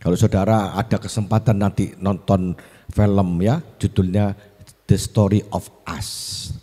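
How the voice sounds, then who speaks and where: A man's voice: low voice, fairly even intonation, a little slow, dark tone, slightly rough. A male pastor, giving a seminar talk to teachers in a school hall and telling stories that act out the voices he quotes. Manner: storytelling, acts out quoted voices. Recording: echoey hall.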